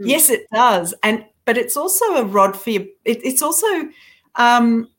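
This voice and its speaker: A woman's voice: a little high, expressive, normal speed, a bit bright. A middle-aged woman author, a guest in an interview, talking reflectively and self-deprecatingly about her writing, with frequent restarts.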